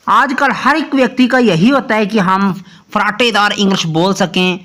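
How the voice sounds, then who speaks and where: Male tutor, high voice, lots of rise and fall, keeps checking in with students. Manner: lively teaching tone, keeps asking "clear?". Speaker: English teacher, channel host. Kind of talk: Hindi-language video lesson on English pronunciation.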